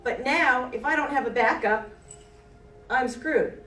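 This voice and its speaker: A woman giving a chirpy, animated trade show product pitch, instructing listeners and often checking in with them. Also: measured pace. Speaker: self-defense product demonstrator. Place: indoor expo event. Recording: echoey room, distant mic.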